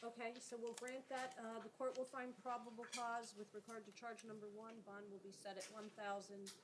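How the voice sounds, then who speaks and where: A woman's voice: on the high side, level tone, a little fast. A woman judge speaking in a formal, businesslike way as she runs a court hearing. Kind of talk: procedural courtroom speech, reading charges and rulings. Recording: noisy courtroom with clicks.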